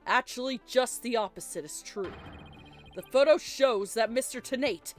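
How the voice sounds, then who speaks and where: A woman's voice: on the high side, moderate pace, faint music behind, close to an everyday voice. A woman reading out a confident young male defense attorney's game lines with emphatic, dramatic declarations. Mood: triumphant. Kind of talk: reading game dialogue aloud.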